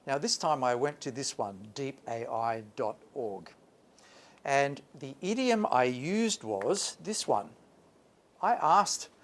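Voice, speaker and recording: A man giving an animated English lesson, speaking emphatically and theatrically in short, repeated phrases. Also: mid-range voice. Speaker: English language teacher presenting. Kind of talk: animated lecture presentation.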